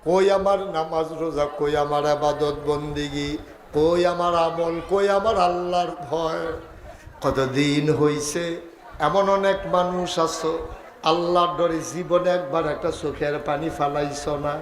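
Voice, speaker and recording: High-pitched, dramatic preacher, echoing. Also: male voice, steady tone, takes it slowly. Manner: dramatic, swings from soft to shouted, sing-song wailing. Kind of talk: Bengali waz sermon with storytelling.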